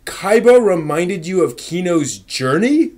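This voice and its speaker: Sitting high in pitch, a little mellow and very animated, a man runs a casual live stream and responds to viewer comments. He stops to think now and then, then states his views firmly and emphatically.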